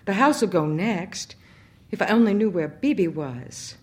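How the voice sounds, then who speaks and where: A woman's voice: mid-range voice, expressive, unhurried, darkish tone, pitched above the performer's own voice, natural voice. Fretful young wife, read by a woman. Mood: anxious. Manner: fretful, exclaiming. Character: anxious young wife caught in a storm.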